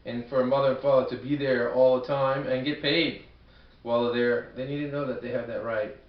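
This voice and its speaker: A man with a Brooklyn accent presents like a student in a homemade video, picked up from far off in an echoey room. His delivery is halting and humble, doubling back on words, in a mid-pitched voice. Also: steady tone. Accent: Brooklyn, New York. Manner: halting, self-deprecating, repeats words. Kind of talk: informal amateur video presentation. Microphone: camcorder at a distance. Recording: echoey room, distant muffled camcorder microphone.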